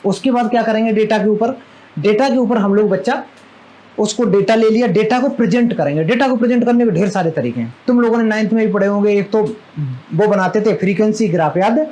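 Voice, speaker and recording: A man's voice: high-pitched, fast talker, dark tone, low-quality recording. A male maths teacher giving a live classroom lecture, chatty and fondly scolding, who keeps asking his students questions.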